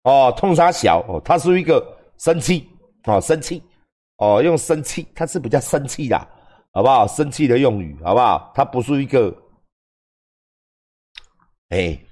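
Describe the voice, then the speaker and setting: A man's voice: mid-range voice, lively intonation, normal speed, long pauses, darkish tone. A man with a Taiwanese accent giving crude, profane, joking livestream commentary. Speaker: streamer.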